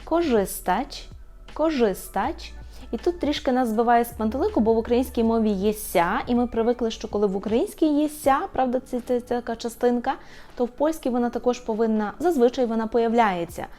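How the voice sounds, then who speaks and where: A woman gives an online language lesson in a fairly high voice, saying each word slowly and then again. Faint music plays under her. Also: dark tone. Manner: patient, repeats words slowly for practice. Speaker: language teacher.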